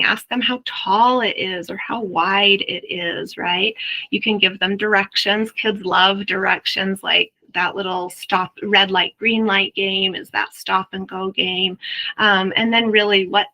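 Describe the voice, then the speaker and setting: Bright, gravelly-edged woman presenter. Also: medium pitch, low-quality recording. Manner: chatty, explains with everyday examples for parents; addresses the audience directly. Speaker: early learning presenter; mother. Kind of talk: webinar presentation to health workers.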